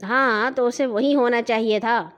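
A woman's voice: on the high side, steady tone, close to an everyday voice. A woman voicing a sleepy father in a children's story who mumbles while half awake. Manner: drowsy mumbling.

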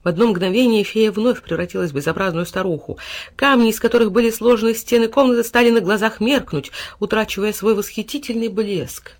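A woman reads a fairy tale aloud as an audiobook. Her narration is expressive and animated, rising with the action. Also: medium pitch, a little fast.

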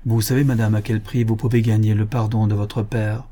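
A man's voice: on the low side, little pitch movement, fairly quick, dark tone, lightly acted. A man voicing a grave, cold young merchant in an audiobook, speaking severely. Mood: stern.

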